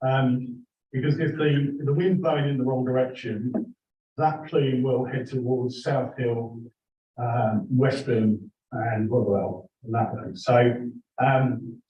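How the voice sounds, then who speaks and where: A man giving a formal public statement to a committee, halting and earnest, recorded in a meeting room. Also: mid-range voice, steady tone. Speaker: member of the public addressing a committee. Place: indoor council meeting room. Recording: echoey, distant, muffled meeting-room recording.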